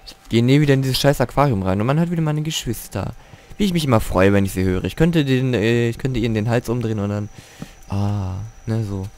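A man giving casual gameplay commentary at home, excitable, swearing and grumbling at the game as he plays. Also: mid-range voice, fairly quick. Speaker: let's play gamer.

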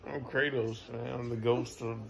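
A tired man in casual chat, talking in a low-key, mumbling, laid-back way. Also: level tone, moderate pace, gravelly, crowd noise. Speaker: vlogger's partner.

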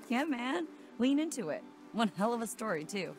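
A woman's voice: on the high side, big pitch swings, moderate pace, a little mellow, soft background music. A young woman acting a blunt, teasing, practical character in a video game cutscene. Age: young adult.

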